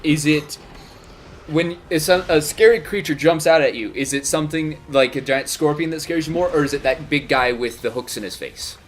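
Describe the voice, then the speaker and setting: A man's voice: on the high side, normal speed, a little hiss or hum. A man co-hosting a casual podcast chat, leading the talk with rambling questions. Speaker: co-host.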